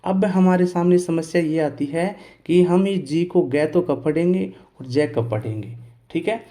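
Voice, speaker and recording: A male teacher explaining pronunciation step by step, asking questions and answering them himself, repeating key words slowly and spelling out letters. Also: a little high, dark tone. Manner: clears his throat now and then. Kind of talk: Hindi lesson on English pronunciation.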